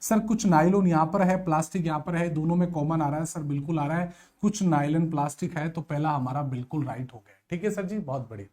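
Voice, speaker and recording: A man's voice: on the high side, fast talker, hardly any pauses. A young man teaching a live online exam coaching class, explaining reasoning problems step by step and quizzing his students with rhetorical questions. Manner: lively, addresses students as sir, beta and bhaiya, rhetorical questions.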